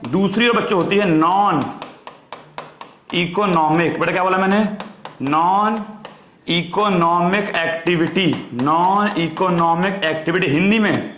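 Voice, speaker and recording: Brief: male teacher, fairly high voice, drills students with repetition, echoey room. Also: a bit bright, a little hiss or hum. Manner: repetitive call-and-response drilling, addresses students as "beta". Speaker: economics teacher. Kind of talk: online class lecture.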